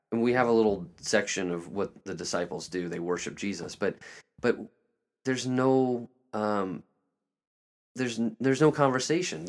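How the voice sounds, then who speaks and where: Low-voiced man musing on faith. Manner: earnest, searching, many restarts and fillers; emotional, tearing up at moments. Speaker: podcast host. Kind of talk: reflective spiritual talk.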